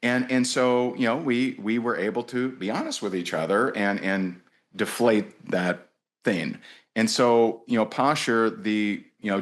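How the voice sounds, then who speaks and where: A man with a fairly low voice speaks as a podcast guest. He tells a story about a sales call in a loose, lively way, restarting sentences and putting on the voices of the people he quotes. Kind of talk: casual storytelling interview.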